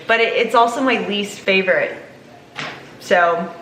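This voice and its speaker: A woman's voice: medium pitch, a little slow, fairly bright tone, reverberant, slight background noise. A young woman with a New Zealand accent, chatting casually and giggling as she answers questions about her reef aquarium at home. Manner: chatty, giggly, lots of fillers. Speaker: reef aquarium channel host. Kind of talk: casual Q&A chat.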